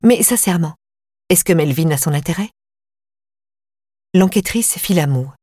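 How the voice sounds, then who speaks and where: A woman narrating a first-person audiobook in an even, measured voice. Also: deep voice, no echo, clean studio sound. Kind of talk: audiobook reading.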